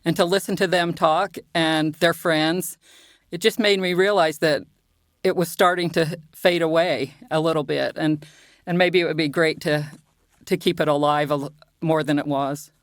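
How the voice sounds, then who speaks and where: Older woman, chatty and quick to laugh. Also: deep voice, no echo. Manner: chatty, laughs often, lively when retelling. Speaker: guest, co-author. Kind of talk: conversational interview.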